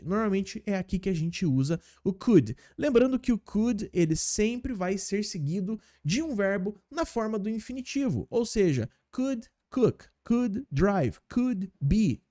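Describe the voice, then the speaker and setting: A man's voice: sits high, very animated, unhurried, hardly any pauses, warm tone. A man teaching English in a casual video lesson, explaining step by step and often checking in with his viewers.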